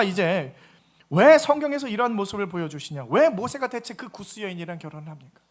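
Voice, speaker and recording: Very high-voiced male pastor preaching. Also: fairly bright tone. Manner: emphatic, asks the congregation repeated rhetorical questions. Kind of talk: sermon.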